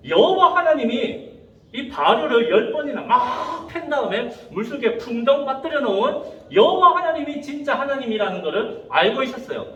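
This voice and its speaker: A man preaching a sermon to young people as pastor, telling stories with lively quoted voices. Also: extremely high pitch, dull audio. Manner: animated storytelling, acting out quoted voices. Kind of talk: sermon to youth. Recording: echoey room, voice from a distance.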